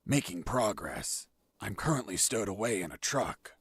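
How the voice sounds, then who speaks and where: An actor playing a wry, cool-headed secret agent on the run in a video game, with terse deadpan delivery. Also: male voice, lowish voice, moderate pace, background noise. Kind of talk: video game dialogue and narration. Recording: music behind.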